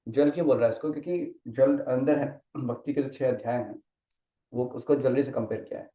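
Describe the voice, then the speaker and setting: A man with a medium-pitched voice talks a little fast as he leads a casual Gita study class in a blend of Hindi and English. He explains things step by step and frequently checks that the listener is following. The audio sounds dull and muffled, in a room with echo.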